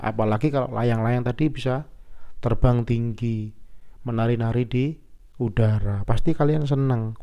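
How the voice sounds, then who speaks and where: A man's voice: mid-range voice, warm tone. A man, a primary school teacher patiently explaining a lesson and asking his pupils questions.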